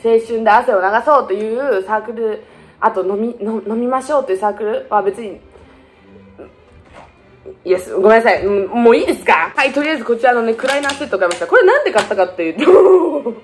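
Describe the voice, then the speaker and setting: A beauty vlogger in her 20s from Fukuoka, Japan, rattles through a casual shopping haul, hopping between playful tangents and poking fun at herself. Her pitch rises and falls a lot, she sounds animated, and faint music plays behind her.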